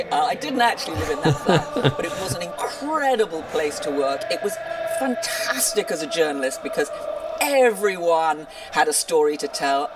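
Animated older woman telling stories, distant mic. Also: sits low, noisy background. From England, rural Norfolk. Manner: animated storyteller, self-deprecating. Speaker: broadcast journalist. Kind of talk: reflective interview answers. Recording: dry but slightly distant mic.

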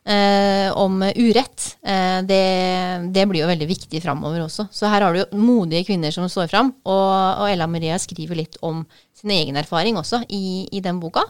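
Woman, casual book talk, thoughtful, hesitant, smooth clear voice, dry close sound. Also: on the low side, steady tone, dry recording.

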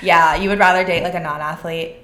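A woman's voice: lowish voice, fairly even intonation, fairly quick, pushed and bright, reverberant. A woman hosting a podcast, chatting casually and filling her talk with "like". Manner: chatty, filler-heavy, full of "like". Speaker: podcast host. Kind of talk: casual chat.

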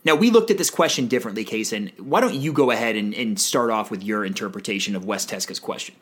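A man's voice: on the low side, expressive, fast, husky. Joking man co-hosting a podcast. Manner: joking, teasing, hypes his answers. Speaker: podcast co-host. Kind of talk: casual chat.

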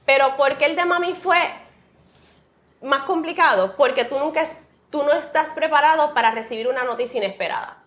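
Lady telling her story of faith, kinda high voice, earnest and emotional. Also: a bit bright. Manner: heartfelt, faith-filled storytelling with many fillers. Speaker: guest, author. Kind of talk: emotional personal testimony.

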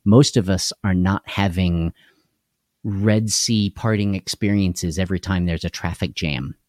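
A man's voice: deep voice, a little slow, darkish tone, no room sound, clean studio sound. A man hosting a live devotional talk, speaking earnestly and candidly, often repeating key phrases for emphasis. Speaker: host of a live devotional show.

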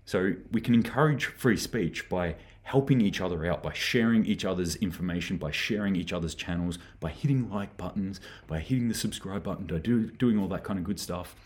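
A man's voice: low-pitched, a little fast, few pauses, slightly rough. A man hosting a daily preparedness news livestream, talking in a rambling, earnest way with lots of fillers and restarts. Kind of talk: casual livestream commentary.

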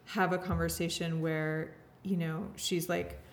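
A woman with a fairly low voice speaks candidly and heartfelt in a relaxed interview. Her sentences wander and restart, packed with casual fillers. A faint hiss sits under the recording. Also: unhurried. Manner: earnest, heartfelt, heavy use of "like" and restarts. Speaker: podcast guest sharing her story.

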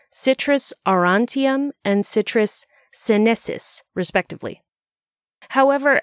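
A woman's voice: mid-range voice, dry recording, studio quality. A woman narrating a scripted explainer in a bookish, conversational way, with wry asides.

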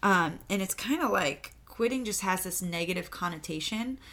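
Bright-toned chatty woman in her twenties. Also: mid-range voice, moderate pace. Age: 20s. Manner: chatty, animated, lots of fillers like "um" and "like". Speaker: podcast co-host. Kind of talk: casual podcast chat.

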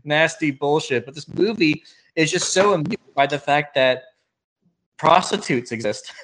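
A man's voice: a little high, fairly bright tone, a little hiss or hum, low-quality recording. Chatty man riffing on a film. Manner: rambling, heavy filler words, quick mimicry of film lines. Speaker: podcast host reviewing a film. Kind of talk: casual chat.

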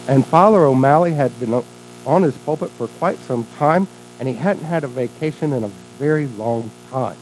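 Expressive, mellow-voiced minister. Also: mid-range voice, a little hiss or hum, poor audio. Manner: expressive storytelling, then reflective teaching. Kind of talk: sermon.

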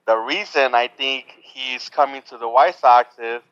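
Relaxed male podcast co-host, assured, muffled lo-fi recording. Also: mid-range voice, measured pace, clear, resonant tone. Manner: relaxed, self-assured, repeats words and says yep a lot. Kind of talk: casual sports podcast chat. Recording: dull lo-fi sound.

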